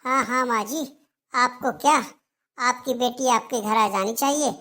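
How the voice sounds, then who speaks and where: A woman's voice: fairly high pitch, measured pace. Woman voicing a resentful young daughter-in-law. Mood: complaining. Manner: complaining, sharp retorts. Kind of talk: Hindi cartoon dialogue.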